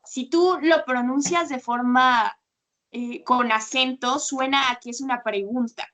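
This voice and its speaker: A woman's voice: high-pitched, steady tone, measured pace, a bit bright. A woman tutoring Spanish on a video call, patiently explaining pronunciation with examples. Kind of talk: one-on-one language lesson.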